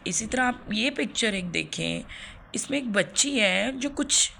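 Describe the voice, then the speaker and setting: A woman's voice: fairly high pitch, expressive, measured pace, gravelly, sharp tone, slight background noise. A woman with a Pakistani Urdu accent teaching a grammar lesson to young children, repeating words and asking questions she then answers herself.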